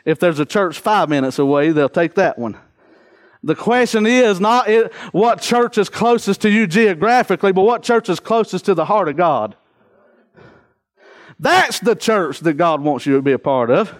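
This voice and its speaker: A male preacher with a notably high voice delivers a sermon. He is earnest and exhorting, driving points home with repeated phrases. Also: expressive, normal speed.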